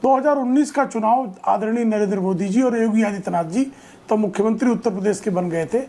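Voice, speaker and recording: A woman's voice: mid-range voice, fairly quick, mellow. A woman making her party's case in a TV debate, with rhetorical lists. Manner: listing and rhetorical. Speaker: party spokesperson. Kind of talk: debate argument.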